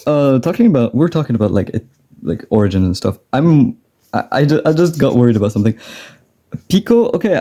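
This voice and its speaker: Drawing on camera for his vlog, a young man from France chats in a loose, rambling way and laughs a lot. French is his first language, and his medium-pitched voice sounds warm.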